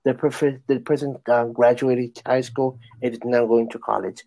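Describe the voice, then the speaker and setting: A man's voice: mid-range voice, level tone, moderate pace, gravelly, dark tone, poor audio. A man calling in to a talk show, telling a story plainly with small restarts. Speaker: caller. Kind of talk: casual call-in chat.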